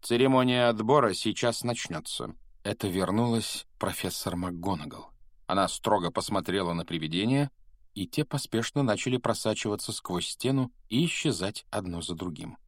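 A man narrating a fantasy audiobook in a measured storytelling way. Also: deep voice, no room sound, studio quality. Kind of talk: scripted narration.

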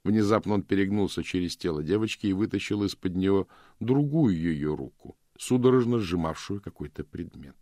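A man narrating a detective story as an audiobook in an expressive storytelling way. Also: deep voice, moderate pace, no room sound, studio quality. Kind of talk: audiobook reading.

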